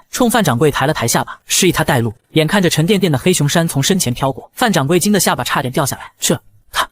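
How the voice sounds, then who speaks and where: A man narrating an animated drama at a quick clip, his voice rising and falling eagerly. He sits a touch high for a man and keeps the story moving briskly. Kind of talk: scripted narration.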